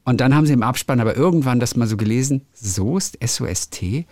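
A man's voice: mid-range voice, animated, quick pace, a little mellow, dry recording, clean studio sound. A man, a radio host, chatting casually on a call and explaining how words are pronounced, with many fillers. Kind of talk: casual phone chat.

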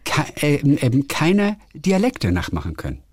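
A man co-hosting a casual chat, thinking aloud in an animated way. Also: a little high, unhurried, husky, no echo. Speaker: podcast co-host.

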